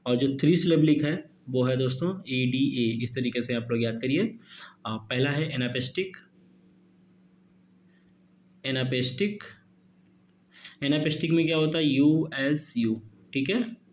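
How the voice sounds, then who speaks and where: A man teaching an exam-prep literature lesson, mixing Hindi and English, reading questions out slowly and adding "okay" and "friends" often. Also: medium pitch, a little hiss or hum. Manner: reads questions slowly, peppers with "ठीक है" and "दोस्तों".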